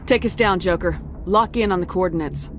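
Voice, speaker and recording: A woman's voice: lowish voice, brisk, lightly acted. An actress voicing a resolute female starship commander in a video game, speaking in a firm, level, direct way. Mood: commanding. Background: game music.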